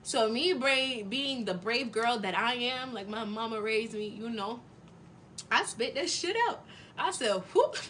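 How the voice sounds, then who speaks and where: A woman's voice: on the high side, measured pace, slight background noise. A young woman telling a personal story in a casual, chatty vlog, full of fillers. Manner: chatty and animated, with many fillers. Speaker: vlogger.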